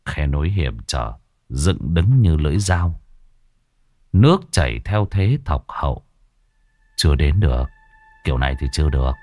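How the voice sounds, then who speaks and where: A man narrating a story in a lively, dramatic reading. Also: a bass voice, moderate pace, pauses often. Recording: faint music behind.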